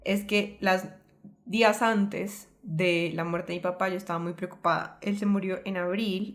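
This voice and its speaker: Reflective young woman sharing a family loss. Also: mid-range voice. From Colombia. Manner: soft-spoken, reflective, self-described nervous. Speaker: podcast co-host, the speaker's sister. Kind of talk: candid personal storytelling.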